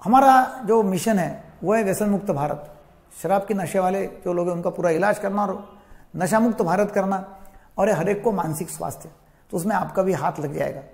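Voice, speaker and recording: A man's voice: high voice, normal speed, gravelly, a little mellow. A man in his fifties from India, a psychiatrist giving a plain, instructive talk that repeats phrases for emphasis. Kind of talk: explanatory health talk to camera.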